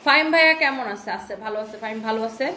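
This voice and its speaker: A woman's voice: a little high, rapid-fire, crowd noise. A woman hosting a live sales stream, reading viewer comments aloud in an enthusiastic, chatty patter. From Bangladesh. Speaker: online saree seller hosting a live stream. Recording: roomy echo.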